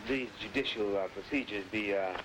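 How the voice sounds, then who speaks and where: A man speaking as an activist in an archival interview, talking in a loose, rushed way with "you know" and "you see" tags, heard through old newsreel film sound. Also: lowish voice, heavy background noise.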